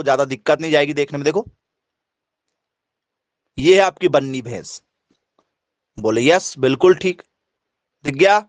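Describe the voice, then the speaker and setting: A man's voice: on the high side, no room sound. A middle-aged man from northern India teaching an exam coaching lesson, who asks the students questions, answers them himself and keeps repeating the key points.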